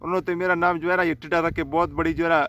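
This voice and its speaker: A man's voice: on the high side, little pitch movement, racing, fairly bright tone, slight background noise, lightly acted. A man voicing a clever, sly old man in a told folk tale, in a plain storyteller's voice full of fillers. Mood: relieved.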